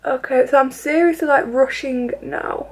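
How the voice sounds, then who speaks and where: British woman in her twenties, chatty beauty vlogger, rambles with fillers, voice sits a little high. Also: steady tone, normal speed. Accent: British English. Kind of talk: casual get-ready-with-me chat.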